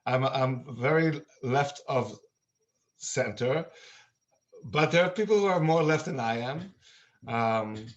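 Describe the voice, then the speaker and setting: An older man from Israel, now a musician, talking earnestly and haltingly with many fillers on a video call. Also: medium pitch, animated. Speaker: musician and meditation guest. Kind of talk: casual video-call chat. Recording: dull lo-fi video-call audio.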